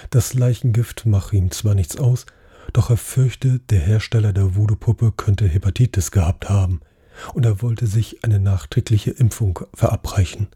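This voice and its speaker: In a spoken story, a formal male butler reports politely and evenly in a dark, husky voice, as a male narrator voices him. He keeps a proper, restrained manner. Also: lowish voice.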